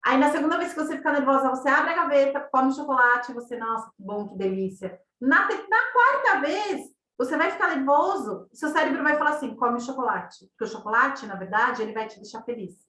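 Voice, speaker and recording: A woman's voice: high-pitched, lively intonation, fast, hardly any pauses, pushed and bright. A woman with a Brazilian Portuguese accent gives a casual, conversational masterclass as a running coach, often tagging her sentences with questions to the listeners. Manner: conversational, tags sentences with questions, acts out quoted thoughts. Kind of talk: online masterclass talk. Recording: roomy echo, distant from mic.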